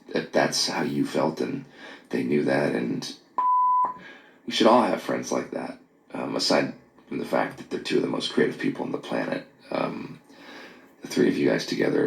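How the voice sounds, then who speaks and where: Deep gravelly man in a phone voice message. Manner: halting, many pauses and restarts; earnest, apologetic. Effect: voice message recorded on a phone. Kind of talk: late-night voice memo. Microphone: phone held close. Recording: echoey phone voice memo.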